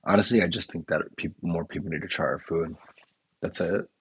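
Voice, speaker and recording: A man who is a chef and restaurant owner runs an easygoing indoor live chat, reading comments aloud and playing off them. His voice is low-pitched and husky with fairly even intonation, and he talks a little fast over poor audio.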